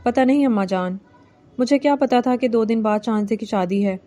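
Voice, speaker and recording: Woman reading a shy young bride, soft and pleading, fairly high warm voice. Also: natural voice. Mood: gentle. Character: timid young bride, gentle and eager. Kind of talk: novel reading.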